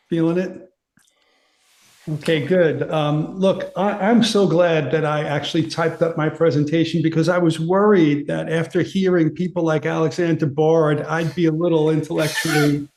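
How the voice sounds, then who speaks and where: Brief: male presenter reading his paper, earnest and measured, with a fairly high voice. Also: fairly even intonation, darkish tone. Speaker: conference presenter. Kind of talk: reading a prepared paper aloud.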